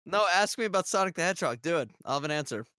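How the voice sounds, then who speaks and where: A man introducing himself as a tabletop player, joking in a deadpan way. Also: on the high side, very fast, smooth, no echo. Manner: jokey, deadpan bits. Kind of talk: casual tabletop chat.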